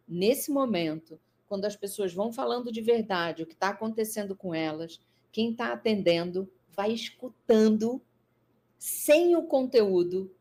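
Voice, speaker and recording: A woman's voice: mid-range voice, darkish tone. A woman, a psychologist in a live interview, explaining her ideas thoughtfully with frequent fillers.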